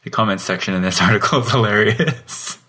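A Canadian man with a very deep yet bright, forceful voice co-hosts a podcast. He chats casually, laughing often and feeling his way through his words. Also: a little fast, breathy edge. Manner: laid-back and laughing, searching for words. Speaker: podcast co-host.

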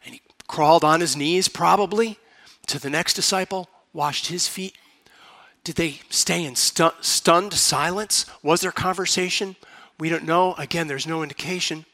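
High, bright-voiced male preacher. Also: normal speed. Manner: dramatic storytelling that drops to a hush. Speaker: pastor. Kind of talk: sermon.

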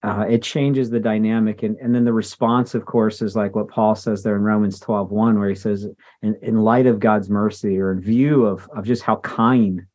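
A man hosting a podcast interview, speaking in a somewhat low voice. He is conversational and affirming, reflecting thoughtfully on his guest's points. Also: a little mellow. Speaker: podcast host.

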